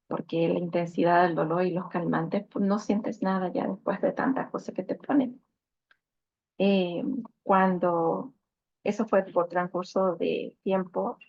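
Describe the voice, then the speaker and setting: Gravelly-voiced woman telling her story. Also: lowish voice, highs cut off. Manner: earnest, reflective, with frequent restarts. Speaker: motivational speaker sharing her testimony. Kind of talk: personal storytelling.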